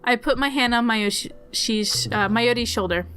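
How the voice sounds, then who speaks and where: A woman reading a visual novel aloud as expressive narration while she plays. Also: a little high, normal speed, faint music behind. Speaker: game player reading aloud.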